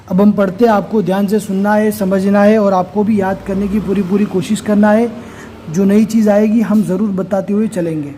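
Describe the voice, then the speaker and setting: High-voiced man teaching Quran reading. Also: level tone, mellow, a little hiss or hum. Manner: explains slowly and step by step, then recites in a slow chanting voice. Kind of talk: recorded recitation lesson.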